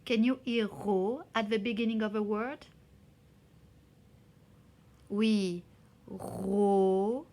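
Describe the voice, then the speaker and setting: A woman teacher explaining a reading exercise to children slowly and carefully, sounding out syllables. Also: on the high side, fairly even intonation, a little mellow. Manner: slow, careful, spelling out syllables. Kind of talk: slow classroom explanation in two languages.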